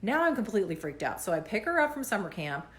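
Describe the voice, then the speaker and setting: A woman's voice: medium pitch, sing-song, fast talker. A woman in her thirties vlogging as a mom, talking in an anxious, rambling way with many fillers and a runny nose. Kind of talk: casual vlog rant.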